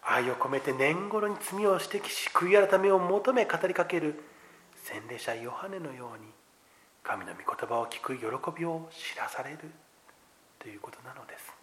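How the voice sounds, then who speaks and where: A man preaching a sermon, shares personal testimony earnestly, then drops to near-whispers and rises to loud emphasis. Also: a little high, animated, moderate pace, slight background noise. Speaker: pastor.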